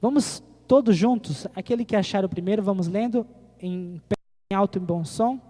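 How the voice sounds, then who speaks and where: A man preaching a sermon, swinging between loud appeals and quiet moments and putting questions to the congregation. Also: high voice, normal speed. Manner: animated preaching, rising and falling, rhetorical questions to the congregation. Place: church hall. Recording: reverberant church hall.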